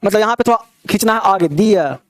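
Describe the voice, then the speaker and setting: A man's voice: sits high, quick pace, no room sound. Man teaching grammar, dry sound. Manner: drills pronunciation and keeps checking with students. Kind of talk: classroom lecture.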